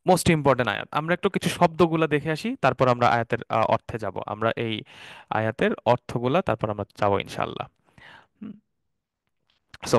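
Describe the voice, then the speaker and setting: A man's voice: mid-range voice, dry recording, clean studio sound. A man teaching a Quranic Arabic class, explaining words step by step, repeating terms and asking the class questions. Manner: mixes English words into Bengali explanation. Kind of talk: recorded online class.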